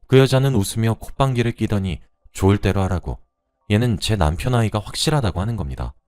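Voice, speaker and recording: A man giving scripted first-person narration of a wife's story in a measured tone. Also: on the low side, lively intonation, a little mellow, clean tone, faint music behind.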